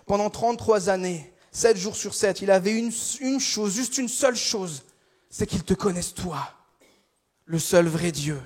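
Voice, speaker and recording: High-voiced young French preacher. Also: male voice, unhurried. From France. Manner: lively, self-mocking storytelling with many restarts. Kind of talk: sermon.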